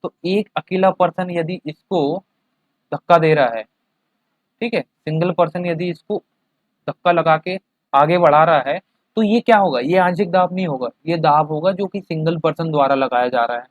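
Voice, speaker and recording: Male tutor, higher voice, patient classroom explainer, dry muffled recording. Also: normal speed, no room sound. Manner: explains with everyday examples and keeps checking understanding. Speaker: teacher. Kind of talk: classroom chemistry lecture.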